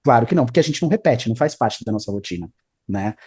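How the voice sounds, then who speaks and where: A man's voice: mid-range voice, animated, rapid-fire, a little mellow, husky. A man, an English teacher explaining study tips in a casual interview, often adding "né?" and "tá?". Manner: explanatory, repeats 'né?' and 'tá?'.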